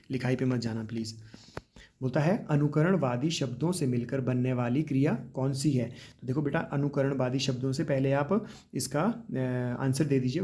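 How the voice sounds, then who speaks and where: A man teaching grammar for a police exam, explaining step by step, calling his students children, and often tagging his points with a quick "right?". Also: medium pitch, darkish tone. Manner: explains step by step, addresses students as children, repeats with tag questions. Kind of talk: exam-prep grammar lesson.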